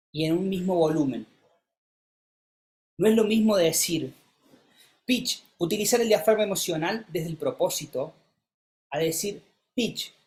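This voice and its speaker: A speaking coach, teaching a live masterclass and calling on students by name, who keeps changing pitch and pace to show what is meant. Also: darkish tone. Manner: demonstrative, shifts pitch and pace to illustrate; coaxing, calls on students by name.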